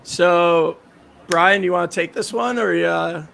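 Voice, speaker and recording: A man hosts a podcast game in a playful, joking way. His voice is high for a man and gravelly, with fry at phrase ends. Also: slow pace, fairly bright tone. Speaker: podcast host. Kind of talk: casual chat.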